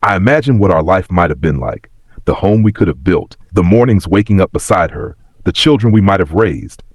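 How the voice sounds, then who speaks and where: A man acts out a regretful, very old man reflecting plainly on his life in a read story. The voice is deep and husky, rising and falling expressively. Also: lively intonation, fairly quick, no echo. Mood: wistful, earnest. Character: wistful, regretful ninety-year-old man telling his past. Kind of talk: scripted story reading.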